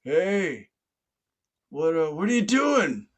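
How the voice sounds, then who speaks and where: A man's voice: fairly high pitch, very animated, takes it slowly, slightly rough, voice pushed up, exaggerated voice. A man putting on a pushy, suspicious police officer who keeps coaxing someone to come over. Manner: insistent, coaxing.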